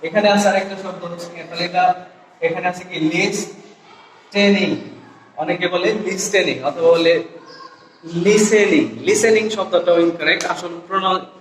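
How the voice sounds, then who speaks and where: High-voiced man teaching pronunciation, echoey. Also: fairly even intonation, distant mic. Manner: repeats model words slowly, asks rhetorical questions. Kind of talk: pronunciation lesson. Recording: very echoey room with reverb, faint noise.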